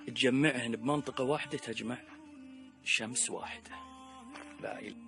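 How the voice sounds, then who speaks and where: Emphatic Saudi man preaching over soft music. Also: medium pitch, vocal fry. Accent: Saudi Gulf Arabic. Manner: emphatic, swings between loud exclamations and hushed asides. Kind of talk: religious reflection talk.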